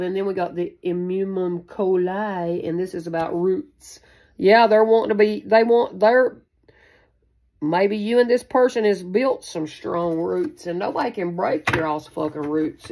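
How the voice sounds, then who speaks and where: A fairly low, mellow-voiced woman gives an offhand tarot reading for her spiritual channel, sitting at a card table in a small indoor room. She talks in a meandering, folksy, repetitive way and swears once in a while.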